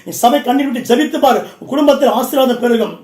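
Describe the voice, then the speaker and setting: A bishop preaching a Pentecostal sermon with a very high, ringing voice. He drives his points home in short, repeated bursts and keeps calling out to the congregation. His voice bounces around a reverberant church hall. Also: quick pace, a little mellow.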